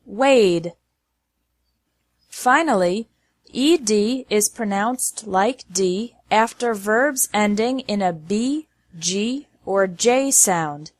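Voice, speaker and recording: A woman teaching English pronunciation, drilling lists of single words. She speaks at a very slow, measured pace with a mid-range voice and carefully enunciates each word. The recording is dry and close, with no room sound. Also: medium pitch, no echo.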